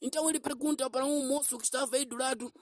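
A woman's voice: high-pitched, steady tone, racing, darkish tone, no echo, studio quality. A woman telling a comic story in a voice message, acting out the people in the tale. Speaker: storyteller sending a comedy audio.

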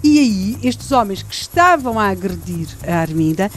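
A woman's voice: medium pitch, sing-song, moderate pace. A woman with a European Portuguese accent retelling a historical case in conversational, dramatic detail, with restarts and fillers. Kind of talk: conversational true-crime retelling.

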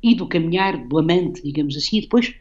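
On a radio program about poetry, a woman with a European Portuguese accent speaks fast in a low-leaning, expressive voice. The audio is muffled. As a guest poet, she reflects on a poem and tends to end phrases with tag questions.

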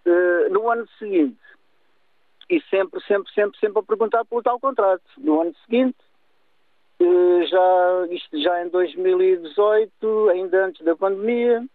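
A man's voice: sits high, measured pace, no room sound. A man with a European Portuguese accent calling a radio show, telling his complaint in an indignant, repetitive and hesitant way. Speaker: caller. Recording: tinny phone line.

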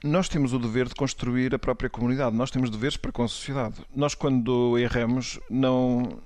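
Portuguese priest on a panel, careful and halting, dry close sound. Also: male voice, medium pitch, steady tone, darkish tone, no echo. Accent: European Portuguese. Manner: measured, hesitant, restarts often. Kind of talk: panel discussion.

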